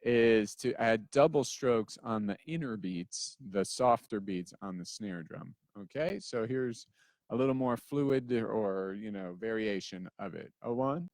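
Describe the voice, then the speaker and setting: A man's voice: fairly low pitch, measured pace, a little mellow, no room sound. A man giving a casual drum lesson who counts in aloud and sometimes wanders off topic. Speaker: drum teacher. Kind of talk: casual instructional talk.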